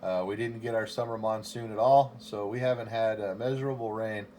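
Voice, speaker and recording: A man making a ham radio call from his home station, calling CQ over and over, spelling his call sign in phonetic alphabet in a steady, repetitive way. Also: fairly low pitch, fairly quick, a little hiss or hum. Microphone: station microphone.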